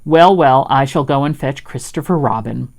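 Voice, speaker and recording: A woman voicing a fussy, cautious, prim male rabbit in a children's storybook, brisk and polite but stern. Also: rumbling low, a little mellow. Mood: matter-of-fact. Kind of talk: children's storybook read-aloud.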